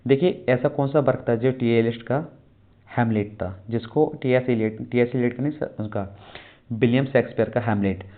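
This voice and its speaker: A man teaching an exam-prep class, putting a question to his students and then answering it himself. He reads English questions aloud slowly and mixes English terms into Hindi. His voice is mid-pitched and comes through a narrow, phone-like band. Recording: tinny phone-like sound.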